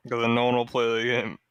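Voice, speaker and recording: A man's voice: mid-range voice, fairly bright tone, clear, resonant tone, no room sound. A young man chatting casually with a friend, giving short, blunt answers. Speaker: friend on a call. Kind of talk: casual chat.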